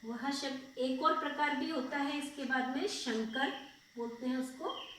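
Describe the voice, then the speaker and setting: A woman's voice: high-pitched, unhurried, fairly bright tone, recorded from a distance, a little hiss or hum. Patient woman teacher, echoey room. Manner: patient, repeats and asks checking questions. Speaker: school teacher. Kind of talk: grammar lesson.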